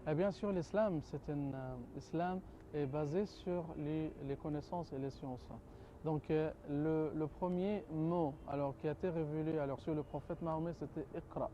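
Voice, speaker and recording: Hesitant man, mellow voice. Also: a little high, steady tone, normal speed, dull audio, a little hiss or hum. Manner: hesitant, searching for French words, repeats "alors". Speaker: guest scholar of comparative religion. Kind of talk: studio talk show answers.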